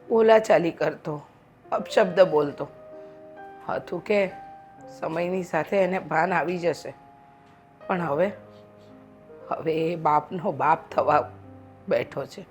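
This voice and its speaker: Actress as protective middle-aged wife, deliberate slow delivery, soft score. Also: female voice, on the low side. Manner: slow, emphatic and indignant. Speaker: wife and mother. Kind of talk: short film acting. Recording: faint background music. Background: faint music.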